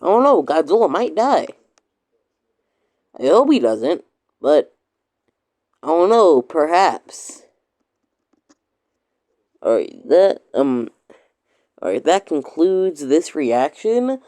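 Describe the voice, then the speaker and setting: A man's voice: on the high side, big pitch swings, slow, long pauses, a little mellow. A man casually commenting on a video he is reacting to, rambling and hesitant with lots of fillers.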